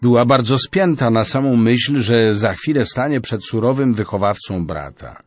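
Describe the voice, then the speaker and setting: A man's voice: mid-range voice, moderate pace, no room sound, soft background music. A man narrating a story as an audiobook reader. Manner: expressive, lively storytelling.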